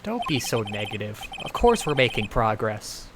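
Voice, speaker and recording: A man's voice: fairly low pitch, very animated, moderate pace, background noise. A man hosting a game livestream with casual commentary, reading bits of the game aloud. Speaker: streamer, host. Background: faint music.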